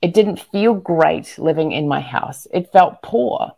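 This woman's voice sits low and is expressive and a little mellow, with vocal fry, and she takes it slowly. She's an entrepreneur and speaker appearing as an interview guest, talking energetically and emphatically to a live online audience and often repeating words for emphasis.

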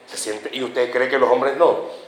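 A man's voice: medium pitch, steady tone, unhurried, crowd noise. A man preaching a sermon to a congregation in a church, joking and firing questions at the listeners. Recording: roomy church hall with faint ambience.

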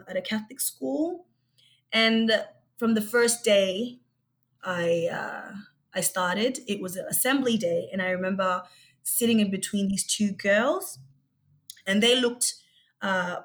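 A young woman talks as an interview guest, measured and reflective. She stops often with ums and picks her words with care. Her voice sits at an ordinary middle pitch. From born in Egypt, raised in Australia. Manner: thoughtful, with frequent ums and pauses. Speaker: guest, researcher and youth activist.

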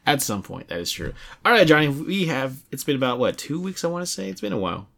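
A man's voice: on the high side, big pitch swings, fast talker, vocal fry, a bit bright. A young adult man hosting a casual video game podcast, talking in a rambling way with many restarts and fillers. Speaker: podcast host.

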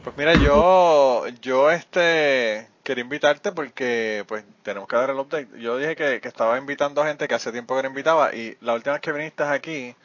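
A man's voice: mid-range voice, normal speed, few pauses, fairly bright tone, no room sound, muffled recording. Male host, easygoing and jokey, mid-range voice, dry close mic. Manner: laid-back, joking, chatty. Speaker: podcast host. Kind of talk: casual podcast chat.

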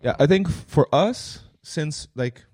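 A man's voice: fairly high pitch, a little slow. Swearing, playful young man. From Curaçao. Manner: animated, swears freely, playful teasing. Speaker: podcast co-host. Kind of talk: casual chat.

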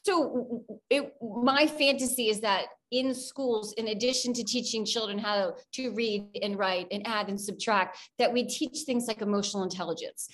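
A woman appears as the guest expert in an interview, explaining her points earnestly and at length. Her voice sits a little high. She lays out one idea after another in a steady flow. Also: low-quality recording.

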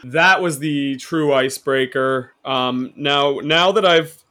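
A man's voice: medium pitch, bright, forceful tone. Man hosting a joking podcast chat. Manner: joking, teasing, quick laughs. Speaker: podcast host.

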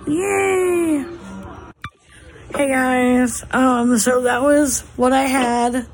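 A woman's voice: little pitch movement, slow pace, faint music behind. A woman with a Southern US accent chatting casually to viewers as a family vlogger, in a drawling, folksy, encouraging way. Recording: noisy handheld recording with vehicle rumble.

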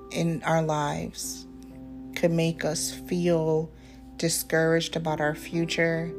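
A woman in her twenties hosting a casual faith-based podcast, talking in a relaxed, rambling way with many ums and asides. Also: deep voice. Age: 20s. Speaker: podcast host.

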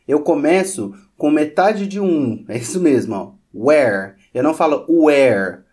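A man's voice: on the high side, animated, unhurried, darkish tone. A man whose first language is Portuguese, teaching English pronunciation in a lesson and patiently repeating each example word several times.

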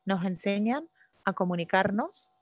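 A woman from hosts a relaxed chat and thinks her ideas through aloud at length. Her voice sits at an ordinary pitch, and the recording is close and dry with no room sound. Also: a little slow, no echo. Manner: reflective, explains ideas at length. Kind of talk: casual conversation.

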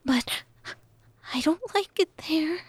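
A woman's voice: sits high, expressive, slow, no echo, voice pushed up. A woman voicing a frightened, guilt-ridden small male imp who stammers and pleads. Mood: pleading.

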